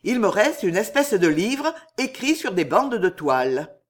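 A man's voice: sits high, very animated, unhurried, full character voice. A man voicing a humble prison concierge in a storybook reading, deferential and astonished. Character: humble old male prison concierge, awed and eager.

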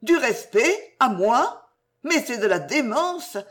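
A woman's voice: mid-range voice, sing-song, takes it slowly. A woman voicing a passionate, torn young woman in an audiobook, with exclamations full of emotion. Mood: despairing. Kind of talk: audiobook character reading.

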